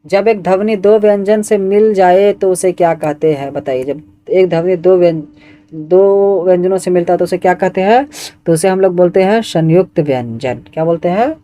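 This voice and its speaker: A man's voice: high voice, normal speed, warm tone. A man teaching Hindi grammar who reads each exam question and its options aloud, then asks for the answer and repeats it. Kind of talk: exam question walkthrough lesson.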